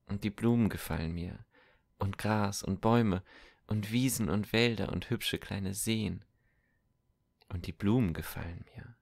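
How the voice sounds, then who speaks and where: A man reading a kind, thoughtful teenage boy in an audiobook, gentle and earnest. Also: on the low side, a little slow, vocal fry.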